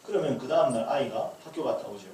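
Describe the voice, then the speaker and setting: In a fast, lively mid-range voice with a darkish tone, a male pastor lectures a leadership school class with humor and acts out bits of dialogue. The audio has room echo, faint noise and a far-off microphone.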